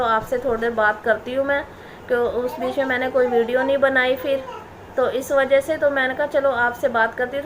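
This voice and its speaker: Woman vlogger, high voice, indignant and defensive, repeats herself, faint background noise. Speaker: family vlogger. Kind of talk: direct-to-camera vlog rant.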